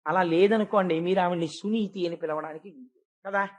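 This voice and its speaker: A woman giving a devotional discourse, retelling a scripture story and acting out the characters' words with shifts in pace and loudness. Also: lowish voice, brisk. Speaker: spiritual speaker.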